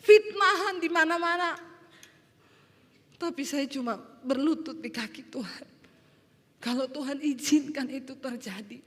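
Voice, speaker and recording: A middle-aged woman pastor from Indonesia preaching a sermon, telling an emotional testimony with her voice climbing high and loud. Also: moderate pace. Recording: long hall reverb.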